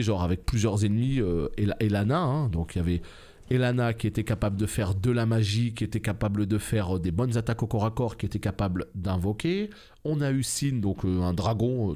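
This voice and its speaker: A man streaming a video game live, excitable, swearing and laughing often, his voice jumping high when the action gets tense. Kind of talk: live gameplay commentary.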